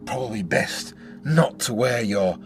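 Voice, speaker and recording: In an audio drama, an actor voices an older leader of survivors who is a menacing villain. His medium-pitched male voice is gravelly and expressive, with a mocking, deliberate, sarcastic delivery full of contemptuous menace, heard over music.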